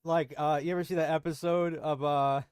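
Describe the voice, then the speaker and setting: A young man hosting a livestream from home chats casually and rambles, full of restarts, slang, and "bro." His voice is a little high, steady, fairly quick, darkish and smooth, captured in clean studio sound with no room sound.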